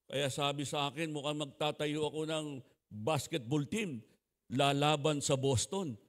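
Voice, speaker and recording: An older man with a Filipino accent preaching a sermon in an animated way, moving between homely storytelling and shouted exhortation. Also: on the high side, long reverb tail. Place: church hall.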